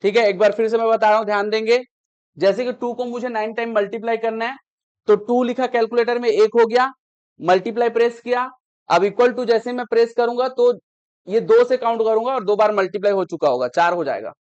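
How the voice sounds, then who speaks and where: High-voiced patient male teacher. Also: a little fast, a little mellow, lo-fi sound. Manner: explains patiently, repeats steps, checks understanding. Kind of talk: classroom math lesson. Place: classroom.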